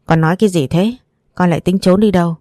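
A woman's voice: on the low side, quick pace, dark tone, no echo, clean studio sound, close to an everyday voice. A woman voicing a middle-aged mother who nags and scolds her son. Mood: scolding. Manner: nagging, scolding.

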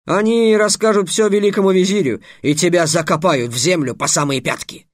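Мужчина-чтец озвучивает хитрого, жадного работорговца средних лет, который торгуется льстиво и с показным благочестием. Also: male voice, high voice, brisk, no room sound, studio quality, pitched above the performer's own voice, natural voice. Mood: menacing. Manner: smooth, bargaining, mock-pious. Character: sly, greedy middle-aged male slave trader.

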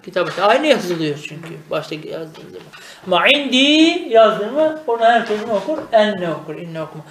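High-voiced man teaching, echoey room. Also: big pitch swings, fairly quick, a bit bright, slight background noise. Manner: explains by asking questions and answering them himself. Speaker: teacher of Arabic grammar. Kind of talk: traditional madrasa-style lesson.

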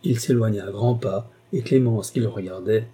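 Mellow, husky male audiobook narrator. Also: on the low side, normal speed. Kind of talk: reading a classic novel aloud.

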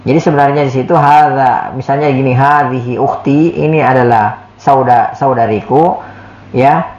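A man's voice: medium pitch, moderate pace, a little mellow. Patient male Arabic teacher, echoey room. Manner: patient, repeats words and says "ya" often. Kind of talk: classroom lesson, explaining Arabic in Indonesian. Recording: echoey, dull lo-fi room recording.

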